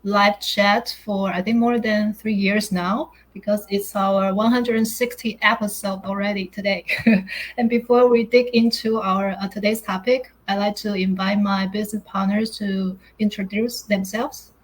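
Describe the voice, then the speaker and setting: Over a video call, a middle-aged woman from Taiwan hosts a live online chat, talking in a chatty, halting way peppered with "uh" and "you know." She speaks unhurriedly in a steady, mid-range voice, though the audio quality is poor.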